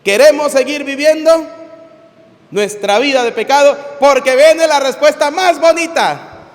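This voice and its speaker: A man preaching a homily at mass, his voice sitting fairly high for a man. His delivery is animated, swinging from loud outbursts to hushed asides as he tells stories. The sound rings with a long church reverb. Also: a little slow. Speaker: priest.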